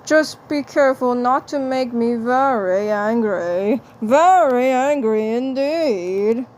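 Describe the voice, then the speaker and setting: A woman voicing a pompous male Martian who calls himself a gentleman, in a prim, haughty, deliberate manner, reading a fan story. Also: a little high, expressive.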